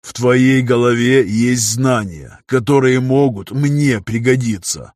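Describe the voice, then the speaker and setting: A man voicing a stern, mocking male master of arena fighters, speaking slowly and seriously in an audiobook. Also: medium pitch, a little mellow, dry recording, clean studio sound, natural voice. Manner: stern and slow, with a scoffing edge.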